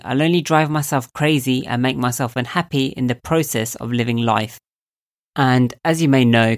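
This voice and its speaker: A man's voice, nasal and a touch squeaky, sitting at an ordinary middle pitch. He talks through a reflective self-help monologue as a podcast host. He is calm and thoughtful, and he turns to the listener with easy rhetorical questions.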